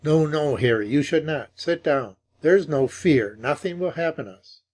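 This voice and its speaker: A man voicing an uneasy, loyal man in a ghost story, speaking urgently with a raised pitch. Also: animated, measured pace, a little mellow.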